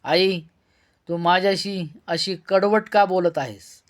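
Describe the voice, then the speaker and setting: A man reading a novel aloud, voicing a stern young male police officer who speaks earnestly and questions sharply. He uses his own fairly high voice. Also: steady tone, takes it slowly.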